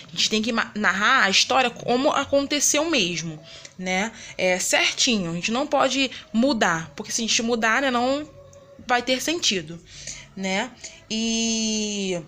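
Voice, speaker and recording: A woman's voice: medium pitch, fairly bright tone. A Brazilian woman teacher in a recorded lesson, patiently explaining and repeating herself, checking in with her students over and over. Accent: Brazilian Portuguese. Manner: frequent tag questions like né and tá bom.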